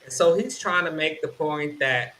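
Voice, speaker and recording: A man with a slightly high voice debates on a livestream panel. He is argumentative and insistent, hammering the same phrases again and again. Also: normal speed, pushed and bright, slight background noise. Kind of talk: casual debate.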